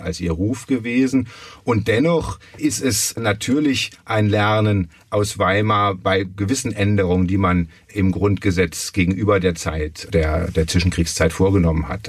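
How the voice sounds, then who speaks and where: Husky, academic German man, distant mic. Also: low voice, no room sound. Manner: measured, academic, with frequent hesitations. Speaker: guest historian. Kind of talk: panel discussion.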